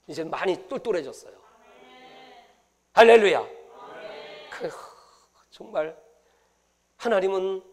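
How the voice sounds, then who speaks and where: Middle-aged male pastor, high-pitched, storytelling sermon delivery with big swings in volume. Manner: storytelling, swings from hushed asides to loud exclamations.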